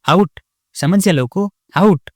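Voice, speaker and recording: A male storyteller puts on the voice of a haughty rich young wife, sharp and taunting, leaping high as she scolds with scorn. The voice sits at a middling pitch, natural, at normal speed. It sounds close and dry, with no room sound at all.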